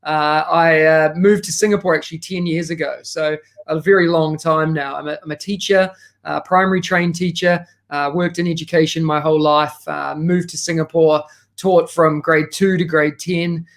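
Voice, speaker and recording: An education consultant from New Zealand speaks enthusiastically as a guest in a casual podcast interview, using frequent fillers. His voice is a little high, with fairly even intonation and a normal speaking speed.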